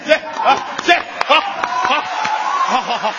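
A male comedian with a very high, sing-song voice, playing a boastful know-it-all on stage. He stammers, shouts, and laughs through his lines. The recording sounds dull and lo-fi. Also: lively intonation, slow, a loud crowd, heavy background noise. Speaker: crosstalk comedian. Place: stage before a live audience.

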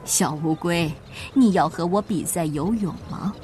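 A woman voicing a big, calm and friendly ray fish in a storybook, speaking low and steadily. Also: measured pace, faint music behind, lightly acted.

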